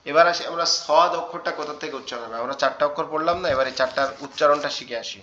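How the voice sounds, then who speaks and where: A Quran teacher gives an online class on Arabic letters, patiently repeating each sound and quizzing his students. His voice is fairly high, very fast, bright, and forceful, and the call audio sounds dull.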